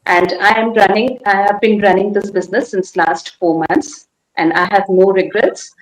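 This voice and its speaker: A woman from Nepal introduces herself as a guest on a casual livestream. She speaks earnestly in simple phrases at a mid pitch, and the echoey room rings around her voice. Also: steady tone, moderate pace. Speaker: guest panelist.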